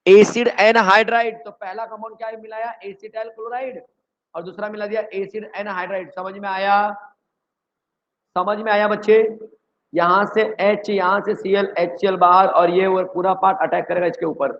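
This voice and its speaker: A man from India teaching chemistry in an energetic online exam-prep lecture, who keeps quizzing his students. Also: sits high, normal speed, highs cut off.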